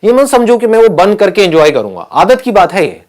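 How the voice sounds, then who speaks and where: A man's voice: high-pitched, huge pitch swings, brisk, a little mellow. A man giving an interactive motivational talk to a live audience in a hall, teasing and laughing with them. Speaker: motivational speaker.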